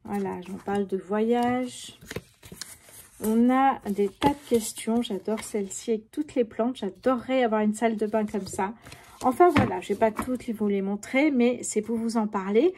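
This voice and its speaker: A woman's voice: a little high, normal speed, noisy background. A middle-aged woman, chatting casually to viewers during a tarot reading, full of fillers and asides. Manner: chatty, addresses viewers directly, many fillers. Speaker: tarot reader.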